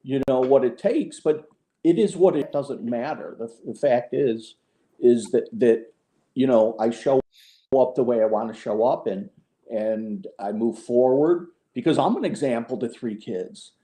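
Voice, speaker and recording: A man's voice: medium pitch, measured pace, warm tone. Frank middle-aged man in an echoey room. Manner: frank and sarcastic, with many restarts. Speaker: podcast guest. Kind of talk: candid conversational interview.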